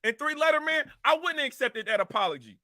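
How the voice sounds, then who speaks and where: Angry dude going off on a rant, real high voice, dead dry sound. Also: male voice, lively intonation, fast, bright, forceful tone, dry recording. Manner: angry, repetitive, confrontational. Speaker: commentary show host. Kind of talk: heated rant to camera.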